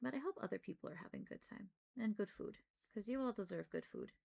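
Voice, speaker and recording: A woman's voice: medium pitch, expressive, fast talker, vocal fry, dark tone. A woman livestreamer chatting casually in an informal, rambling way.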